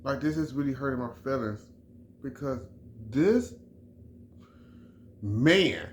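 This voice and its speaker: A middle-aged man from Chicago, USA, with a medium-pitched, lively voice, slowly delivers an emphatic, repetitive sports opinion in a casual vlog. He often restarts his phrases as he talks.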